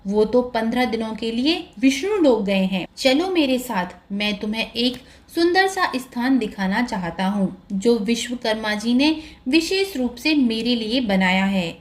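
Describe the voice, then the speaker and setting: A woman's voice: on the high side, animated, measured pace, few pauses. Possessive young prince, insistent; a woman narrator plays him in a raised voice. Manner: insistent, calling out. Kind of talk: storybook narration.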